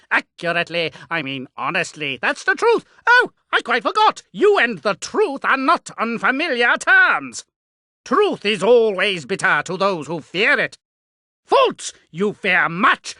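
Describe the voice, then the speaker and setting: An actor playing a mad, sinister tea-party host in a video game, mock-polite, taunting and theatrical. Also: male voice, sits high, dry recording, clean studio sound, exaggerated voice. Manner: theatrical, mocking, sharp. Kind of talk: video game character acting.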